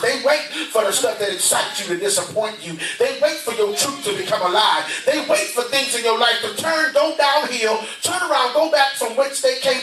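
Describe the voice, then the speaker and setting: A man preaching a sermon, acting out scenes and calling out to the congregation. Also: very high-pitched. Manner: animated preaching, acts out scenes, shouts to congregation. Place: church. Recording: echoey church heard from far off, congregation audible. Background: congregation responding.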